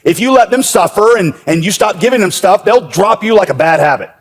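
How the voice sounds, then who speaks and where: A man's voice: high voice, lively intonation, fairly quick, voice pushed up. A man voicing a feisty male accuser spirit who taunts God, in a sneering tone. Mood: taunting. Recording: echoey hall.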